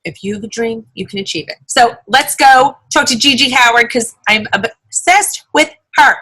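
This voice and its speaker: Bright-voiced, gushing American woman co-host. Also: fairly high pitch, moderate pace, husky, rough recording. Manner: gushing, emphatic, repeats phrases. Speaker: podcast co-host. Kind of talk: casual chatty interview hosting.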